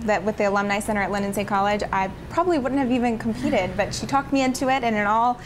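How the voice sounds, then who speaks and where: A woman's voice: mid-range voice, fast talker. A young woman giving poised, chatty pageant answers as an interviewee. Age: young adult. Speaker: pageant titleholder being interviewed. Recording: noisy room ambience.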